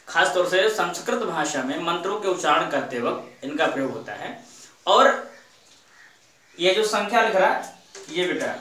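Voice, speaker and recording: A man's voice: high voice, fairly bright tone. Guy teaching a class, keeps asking then answering himself, sounds far off in a big echoey room. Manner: patient, repeats questions and answers them himself. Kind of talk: classroom grammar lesson.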